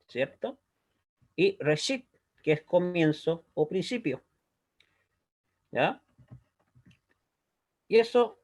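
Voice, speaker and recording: A man teaching a language lesson at a slow, unhurried pace. His voice sits a little higher than most men's. He explains patiently and keeps checking that his students are following. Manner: patient, checks understanding with a frequent "¿ya?". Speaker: Hebrew teacher.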